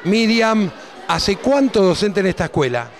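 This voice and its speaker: A middle-aged Argentine man hosts a local TV segment with a handheld mic. His voice sits a bit higher than most men's. He keeps his guests talking with friendly, prompting questions. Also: sing-song, unhurried, some chatter behind. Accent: Argentine Spanish. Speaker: TV interviewer. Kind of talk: local TV interview.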